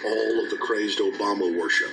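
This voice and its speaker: A man delivers grave, insistent documentary narration in a voice that sits slightly low. The sound comes from a film played through a speaker and captured again by another recording. Clear music runs beneath his words. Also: moderate pace, rough recording.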